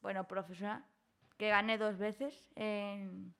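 Slow-speaking young woman, radio guest. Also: medium pitch, level tone, creaky, a bit bright. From Spain. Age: 20s. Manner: short, hesitant answers. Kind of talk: casual radio interview.

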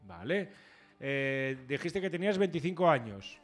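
A man hosts a relaxed local radio chat, his voice sitting a bit high for a man. He teases his guest and keeps up a stream of quick follow-up questions, with faint music running underneath. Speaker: radio host. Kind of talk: casual radio interview.

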